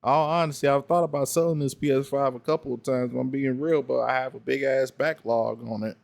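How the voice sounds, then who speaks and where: A tired, blunt gaming streamer reacts to another streamer late at night in casual commentary, his medium-pitched voice gravelly and a little mellow. He's repetitive and argumentative, recorded close and dry with no echo.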